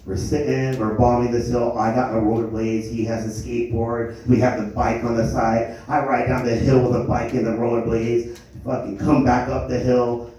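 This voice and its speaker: A man's voice: mid-range voice, little pitch movement, normal speed, warm tone, a little hiss or hum. A young man who grew up in Germany, doing rambling, self-deprecating stand-up comedy on a lounge stage. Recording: echoey club from a distance.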